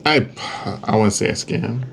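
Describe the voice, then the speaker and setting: A man's voice: on the low side, normal speed, gravelly, slightly rough. Easygoing male podcast host. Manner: easygoing, laughs often. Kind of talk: casual chat reacting to videos.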